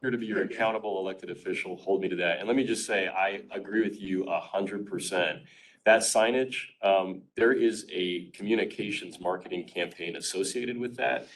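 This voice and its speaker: A man's voice: low-pitched, normal speed. A man chairing a county meeting as an elected official, answering comments in an assured, reassuring way. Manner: assured, reassuring, politician's cadence. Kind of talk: public meeting remarks. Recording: distant mic in a meeting room.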